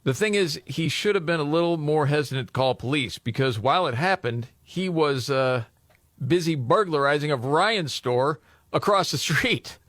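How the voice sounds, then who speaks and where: A man's voice: a little high, normal speed, dry recording, clean studio sound. A man hosting a radio talk show, chatting casually and telling stories with animation. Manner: animated storyteller. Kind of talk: casual studio banter.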